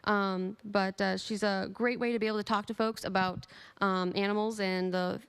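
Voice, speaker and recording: A woman's voice: mid-range voice, flat delivery, moderate pace, clean tone. A woman zoo educator answering interview questions in an explanatory, informative way.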